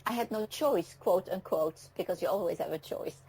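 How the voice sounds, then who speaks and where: Heard over poor audio, this woman's voice is low, slightly mellow and a bit rough. She's a fifty-something guest on an internet radio program, from France and a native speaker of both French and Dutch, talking thoughtfully with frequent pauses and ums.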